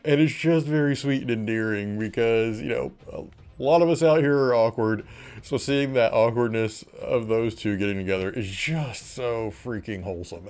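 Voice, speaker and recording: A man hosting a reaction vlog, talking in a casual, excitable way that rambles and often restarts. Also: mid-range voice. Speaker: channel host reacting to a TV episode.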